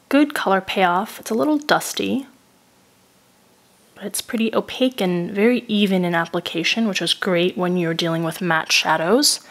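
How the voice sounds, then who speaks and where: Working shade by shade in a steady, methodical way, a beauty reviewer describes her makeup in an even tone. Her mid-range voice still shows she's recovering from a cold.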